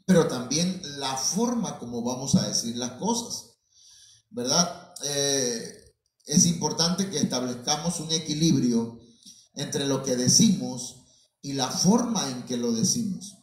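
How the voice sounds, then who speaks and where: A man from Mexico, a preacher, giving a teaching talk to his congregation, unhurried and full of fillers, often calling his listeners brothers. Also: mid-range voice, lively intonation, a little mellow. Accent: Mexican Spanish. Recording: very echoey room.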